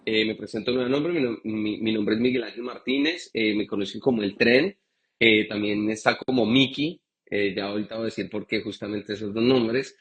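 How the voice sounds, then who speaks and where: A man's voice: fairly low pitch, normal speed, breathy edge. A man from Bogotá with a Colombian accent, a guest bartender telling his story in a chatty live interview over a video call. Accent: Bogotá Colombian Spanish. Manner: chatty, frequent fillers and restarts.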